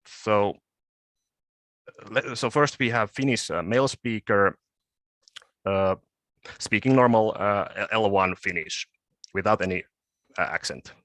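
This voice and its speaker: Halting low-voiced man presenting research. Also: fairly bright tone, no echo. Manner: halting, with frequent word repeats and restarts. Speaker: conference presenter. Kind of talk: academic conference presentation.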